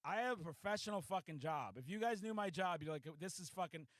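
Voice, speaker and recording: A man in his forties hosting a podcast in a hyper, loud, profanity-laced ranting manner. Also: sits high, animated, fast talker, dry recording. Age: 40s. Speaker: podcast host. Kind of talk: casual podcast chat.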